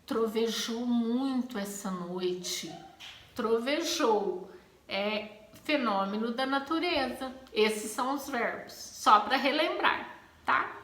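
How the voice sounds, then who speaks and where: A woman with a Brazilian Portuguese accent teaching a grammar lesson, expressive and acting out exclamations to make her points. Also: on the high side, slow, echoey room.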